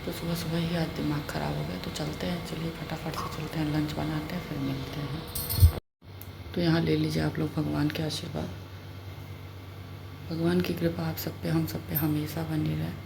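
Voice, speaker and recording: Gravelly low-voiced woman vlogging at home. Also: flat delivery, normal speed. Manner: chatty, venting about her son. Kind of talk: casual family vlog narration. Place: home kitchen. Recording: echoey room with loud background noise.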